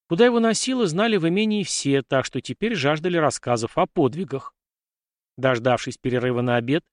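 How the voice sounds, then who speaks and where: A man narrating an audiobook in a steady, even storytelling manner. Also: mid-range voice, dry recording, clean studio sound.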